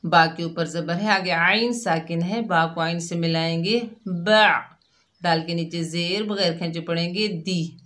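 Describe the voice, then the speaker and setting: A woman teaching Quran recitation rules step by step, explaining each letter and then sounding out the syllables slowly. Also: lowish voice, steady tone, a bit bright. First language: Urdu. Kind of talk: slow step-by-step tajweed lesson.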